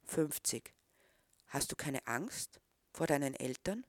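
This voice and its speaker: A woman's voice: very deep voice, animated, takes it slowly, no echo, clean studio sound, full character voice. A woman reading the part of a disapproving middle-aged man who questions a boy. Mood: stern.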